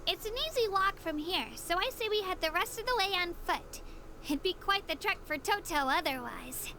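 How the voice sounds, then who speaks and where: A woman voicing a shy, earnest young woman in a video game, who speaks gently and a little unsure of herself. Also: extremely high pitch, expressive, normal speed, a little hiss or hum, heavily acted. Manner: gentle, a little self-doubting.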